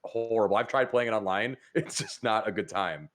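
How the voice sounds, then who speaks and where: A man's voice: fairly low pitch, normal speed. A man co-hosting a casual gaming podcast over an online call, playfully ranting and getting worked up. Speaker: podcast co-host.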